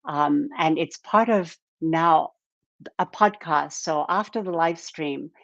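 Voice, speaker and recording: A woman from Japan hosting a live-stream talk, speaking in an unhurried way with many fillers and repeated words. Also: sits low, creaky, no room sound. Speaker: live stream podcast host. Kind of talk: slow casual live-stream introduction. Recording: dull lo-fi dry sound.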